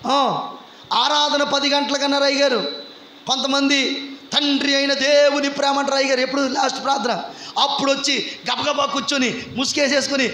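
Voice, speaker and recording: A male preacher with a very high voice delivers a fervent sermon. He speaks emphatically, acts out the people in his stories, and keeps calling on the congregation to praise aloud. His voice rings through an echoey church hall over faint background noise. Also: fairly bright tone.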